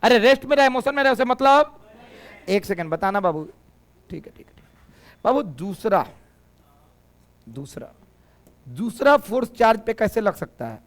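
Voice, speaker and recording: A man's voice: high-pitched, big pitch swings, normal speed, long pauses. A middle-aged man teaching physics in a classroom, with a Bhojpuri-tinged Hindi accent, teasing students and drilling them in call-and-response. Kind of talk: lively classroom lecture.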